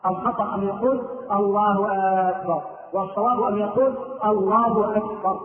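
Egyptian sheikh man teaching prayer rules, high voice, sounds far off in a big echoey space. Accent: Egyptian Arabic. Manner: explains step by step, often sings out the phrases he corrects. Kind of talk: religious lesson. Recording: echoey, distant, tinny phone-like sound.

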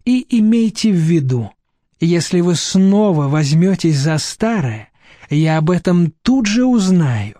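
A shrewd, commanding woman hands down terms in slow, steely words, as a male audiobook narrator voices her. The voice is dark and mellow, the recording close and dry. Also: high voice, sing-song, no room sound. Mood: stern. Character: stern middle-aged woman, shrewd and commanding.

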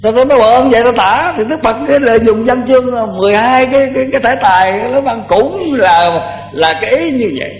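An older Buddhist monk gives a folksy sermon, often repeating words. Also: male voice, very high-pitched, lively intonation, fast talker, hardly any pauses. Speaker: Buddhist monk giving a dharma talk. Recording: echoey hall, dull lo-fi, faint music.

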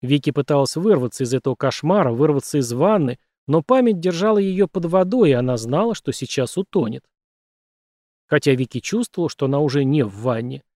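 A man's voice: a little high, expressive, brisk, a little mellow, no room sound, studio quality. A man narrating an audiobook thriller in a tense, dramatic storytelling manner.

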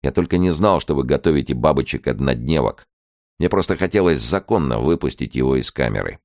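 A blunt, one-armed police chief, as a male audiobook reader puts him on. His voice sits a bit above the reader's very low, gravelly tone, with lively shifts in pitch. It is recorded close and dry. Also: brisk, no echo. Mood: earnest.

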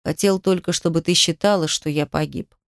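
A woman's voice: on the low side, steady tone, brisk, no room sound, clean studio sound, lightly acted. A woman voicing a young man who speaks with irritation and a sneer. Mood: contemptuous. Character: young man, the ex-fiancé, cold and contemptuous.

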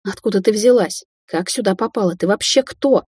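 A woman's voice: medium pitch, moderate pace, darkish tone, slightly rough, no echo, clean studio sound, pitched above the performer's own voice, close to an everyday voice. A woman reading voices an alarmed young man in a respirator, speaking urgently and commandingly in an audiobook.

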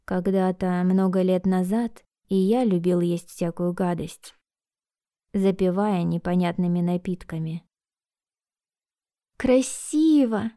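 A woman narrates a novel in the first person at a slow, unhurried pace. Her tone is mellow and soft, and the recording is dry with no room echo. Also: fairly low pitch, little pitch movement. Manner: slow, soft, measured reading. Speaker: audiobook narrator.

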